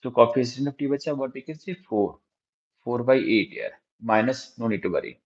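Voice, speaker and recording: A man's voice: mid-range voice, lively intonation, brisk. A man with an Indian accent teaching a live online physics lesson, often repeating phrases and questions and addressing his students in a familiar way. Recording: dull, lo-fi microphone sound.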